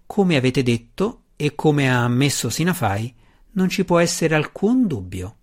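A man reading the part of an old, withered and powerful dark elf matron mother, calm and commanding. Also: a little high, measured pace. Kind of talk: audiobook reading.

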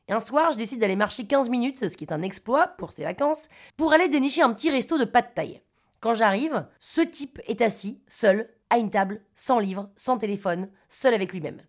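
Woman, Parisian accent, scripted personal storytelling, wry, self-mocking, fairly high voice. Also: animated, moderate pace. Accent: Parisian French. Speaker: podcast storyteller.

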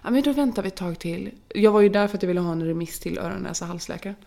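A woman's voice: medium pitch, vocal fry, mellow. A young woman telling a story in casual chat, acting out the dialogue she quotes. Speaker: podcast co-host.

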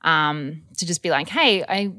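A woman's voice: low voice, lively intonation, unhurried, sharp tone. A young Australian woman chatting casually as an interview guest, with lots of ums and likes. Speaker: guest, model and influencer.

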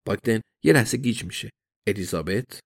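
A man narrating an audiobook in a measured, even reading. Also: lowish voice.

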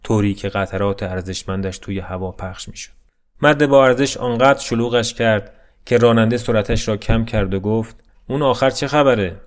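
Man reading a short story, low and even, subdued, faint music under it. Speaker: narrator. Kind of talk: scripted narration of a short story.

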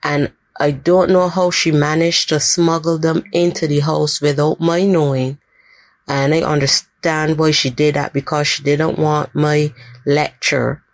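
A woman from Barbados, slowly and gently sharing a personal memory in a recorded message. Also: low-pitched, flat delivery, dry recording. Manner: slow, gentle, heartfelt storytelling.

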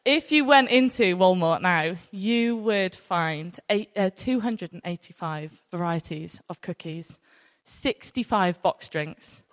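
A British woman in her thirties from near North Wales gives an informal sermon to a congregation, live in a large room. She is conversational and anecdotal, asking rhetorical questions in a lowish, animated voice at a slow pace. The echoey hall adds long reverb.

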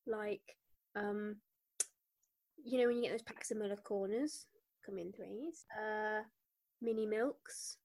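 A woman's voice: medium pitch, takes it slowly, long pauses, a little mellow. Playful woman, podcast co-host. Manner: playful, joking, teasing. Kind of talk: casual chat.

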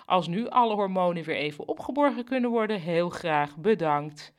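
A woman's voice: lowish voice, expressive, normal speed, lightly acted. A woman playing a bossy male office manager.

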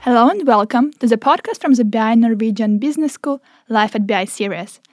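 A young woman from Ukraine hosting a podcast in a studio, asking clear, friendly questions. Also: fairly high pitch, lively intonation, fairly quick, soft background music. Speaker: podcast host. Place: small studio.

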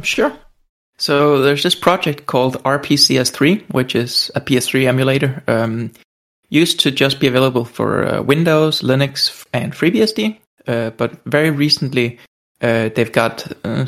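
A man's voice: medium pitch, vocal fry, fairly bright tone. A man co-hosting a casual podcast, explaining at length with frequent hesitations. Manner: explanatory, hesitant with many ums. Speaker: podcast co-host. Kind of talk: casual chat.

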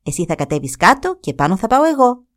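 Woman doing a smug little trickster hare, teasing, bouncy lively voice. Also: medium pitch, lightly acted. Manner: boastful, teasing. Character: cocky mischievous male trickster hare.

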